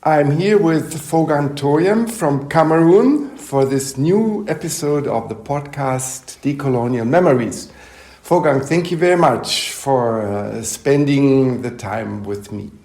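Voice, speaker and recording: A man hosting an interview podcast, introducing his guest and asking measured, polite questions. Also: medium pitch, lively intonation, darkish tone. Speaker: podcast host. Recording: echoey room.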